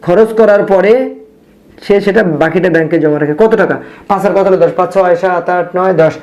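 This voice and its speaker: A man teaching arithmetic to young children, speaking softly and patiently, counting steps aloud and quizzing his students, with a Bangladeshi Bengali accent. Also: sits high, fairly quick. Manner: speaking softly on purpose late at night. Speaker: math teacher. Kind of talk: math lesson for young children.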